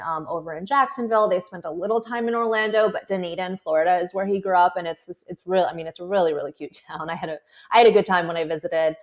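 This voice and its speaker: A woman, a political correspondent, chatting as an interview guest, laughing often and filling pauses with "um" and "you know". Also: medium pitch. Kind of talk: conversational interview. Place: South Florida.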